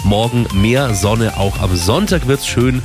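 A man reading a radio weather forecast in an even, measured way. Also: medium pitch, over music. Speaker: weather presenter.

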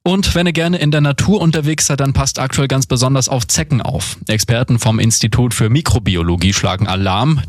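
Husky-voiced male radio newsreader. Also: mid-range voice, dry recording, studio quality. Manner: brisk, upbeat newsreading. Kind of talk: regional radio news bulletin. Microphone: studio microphone.

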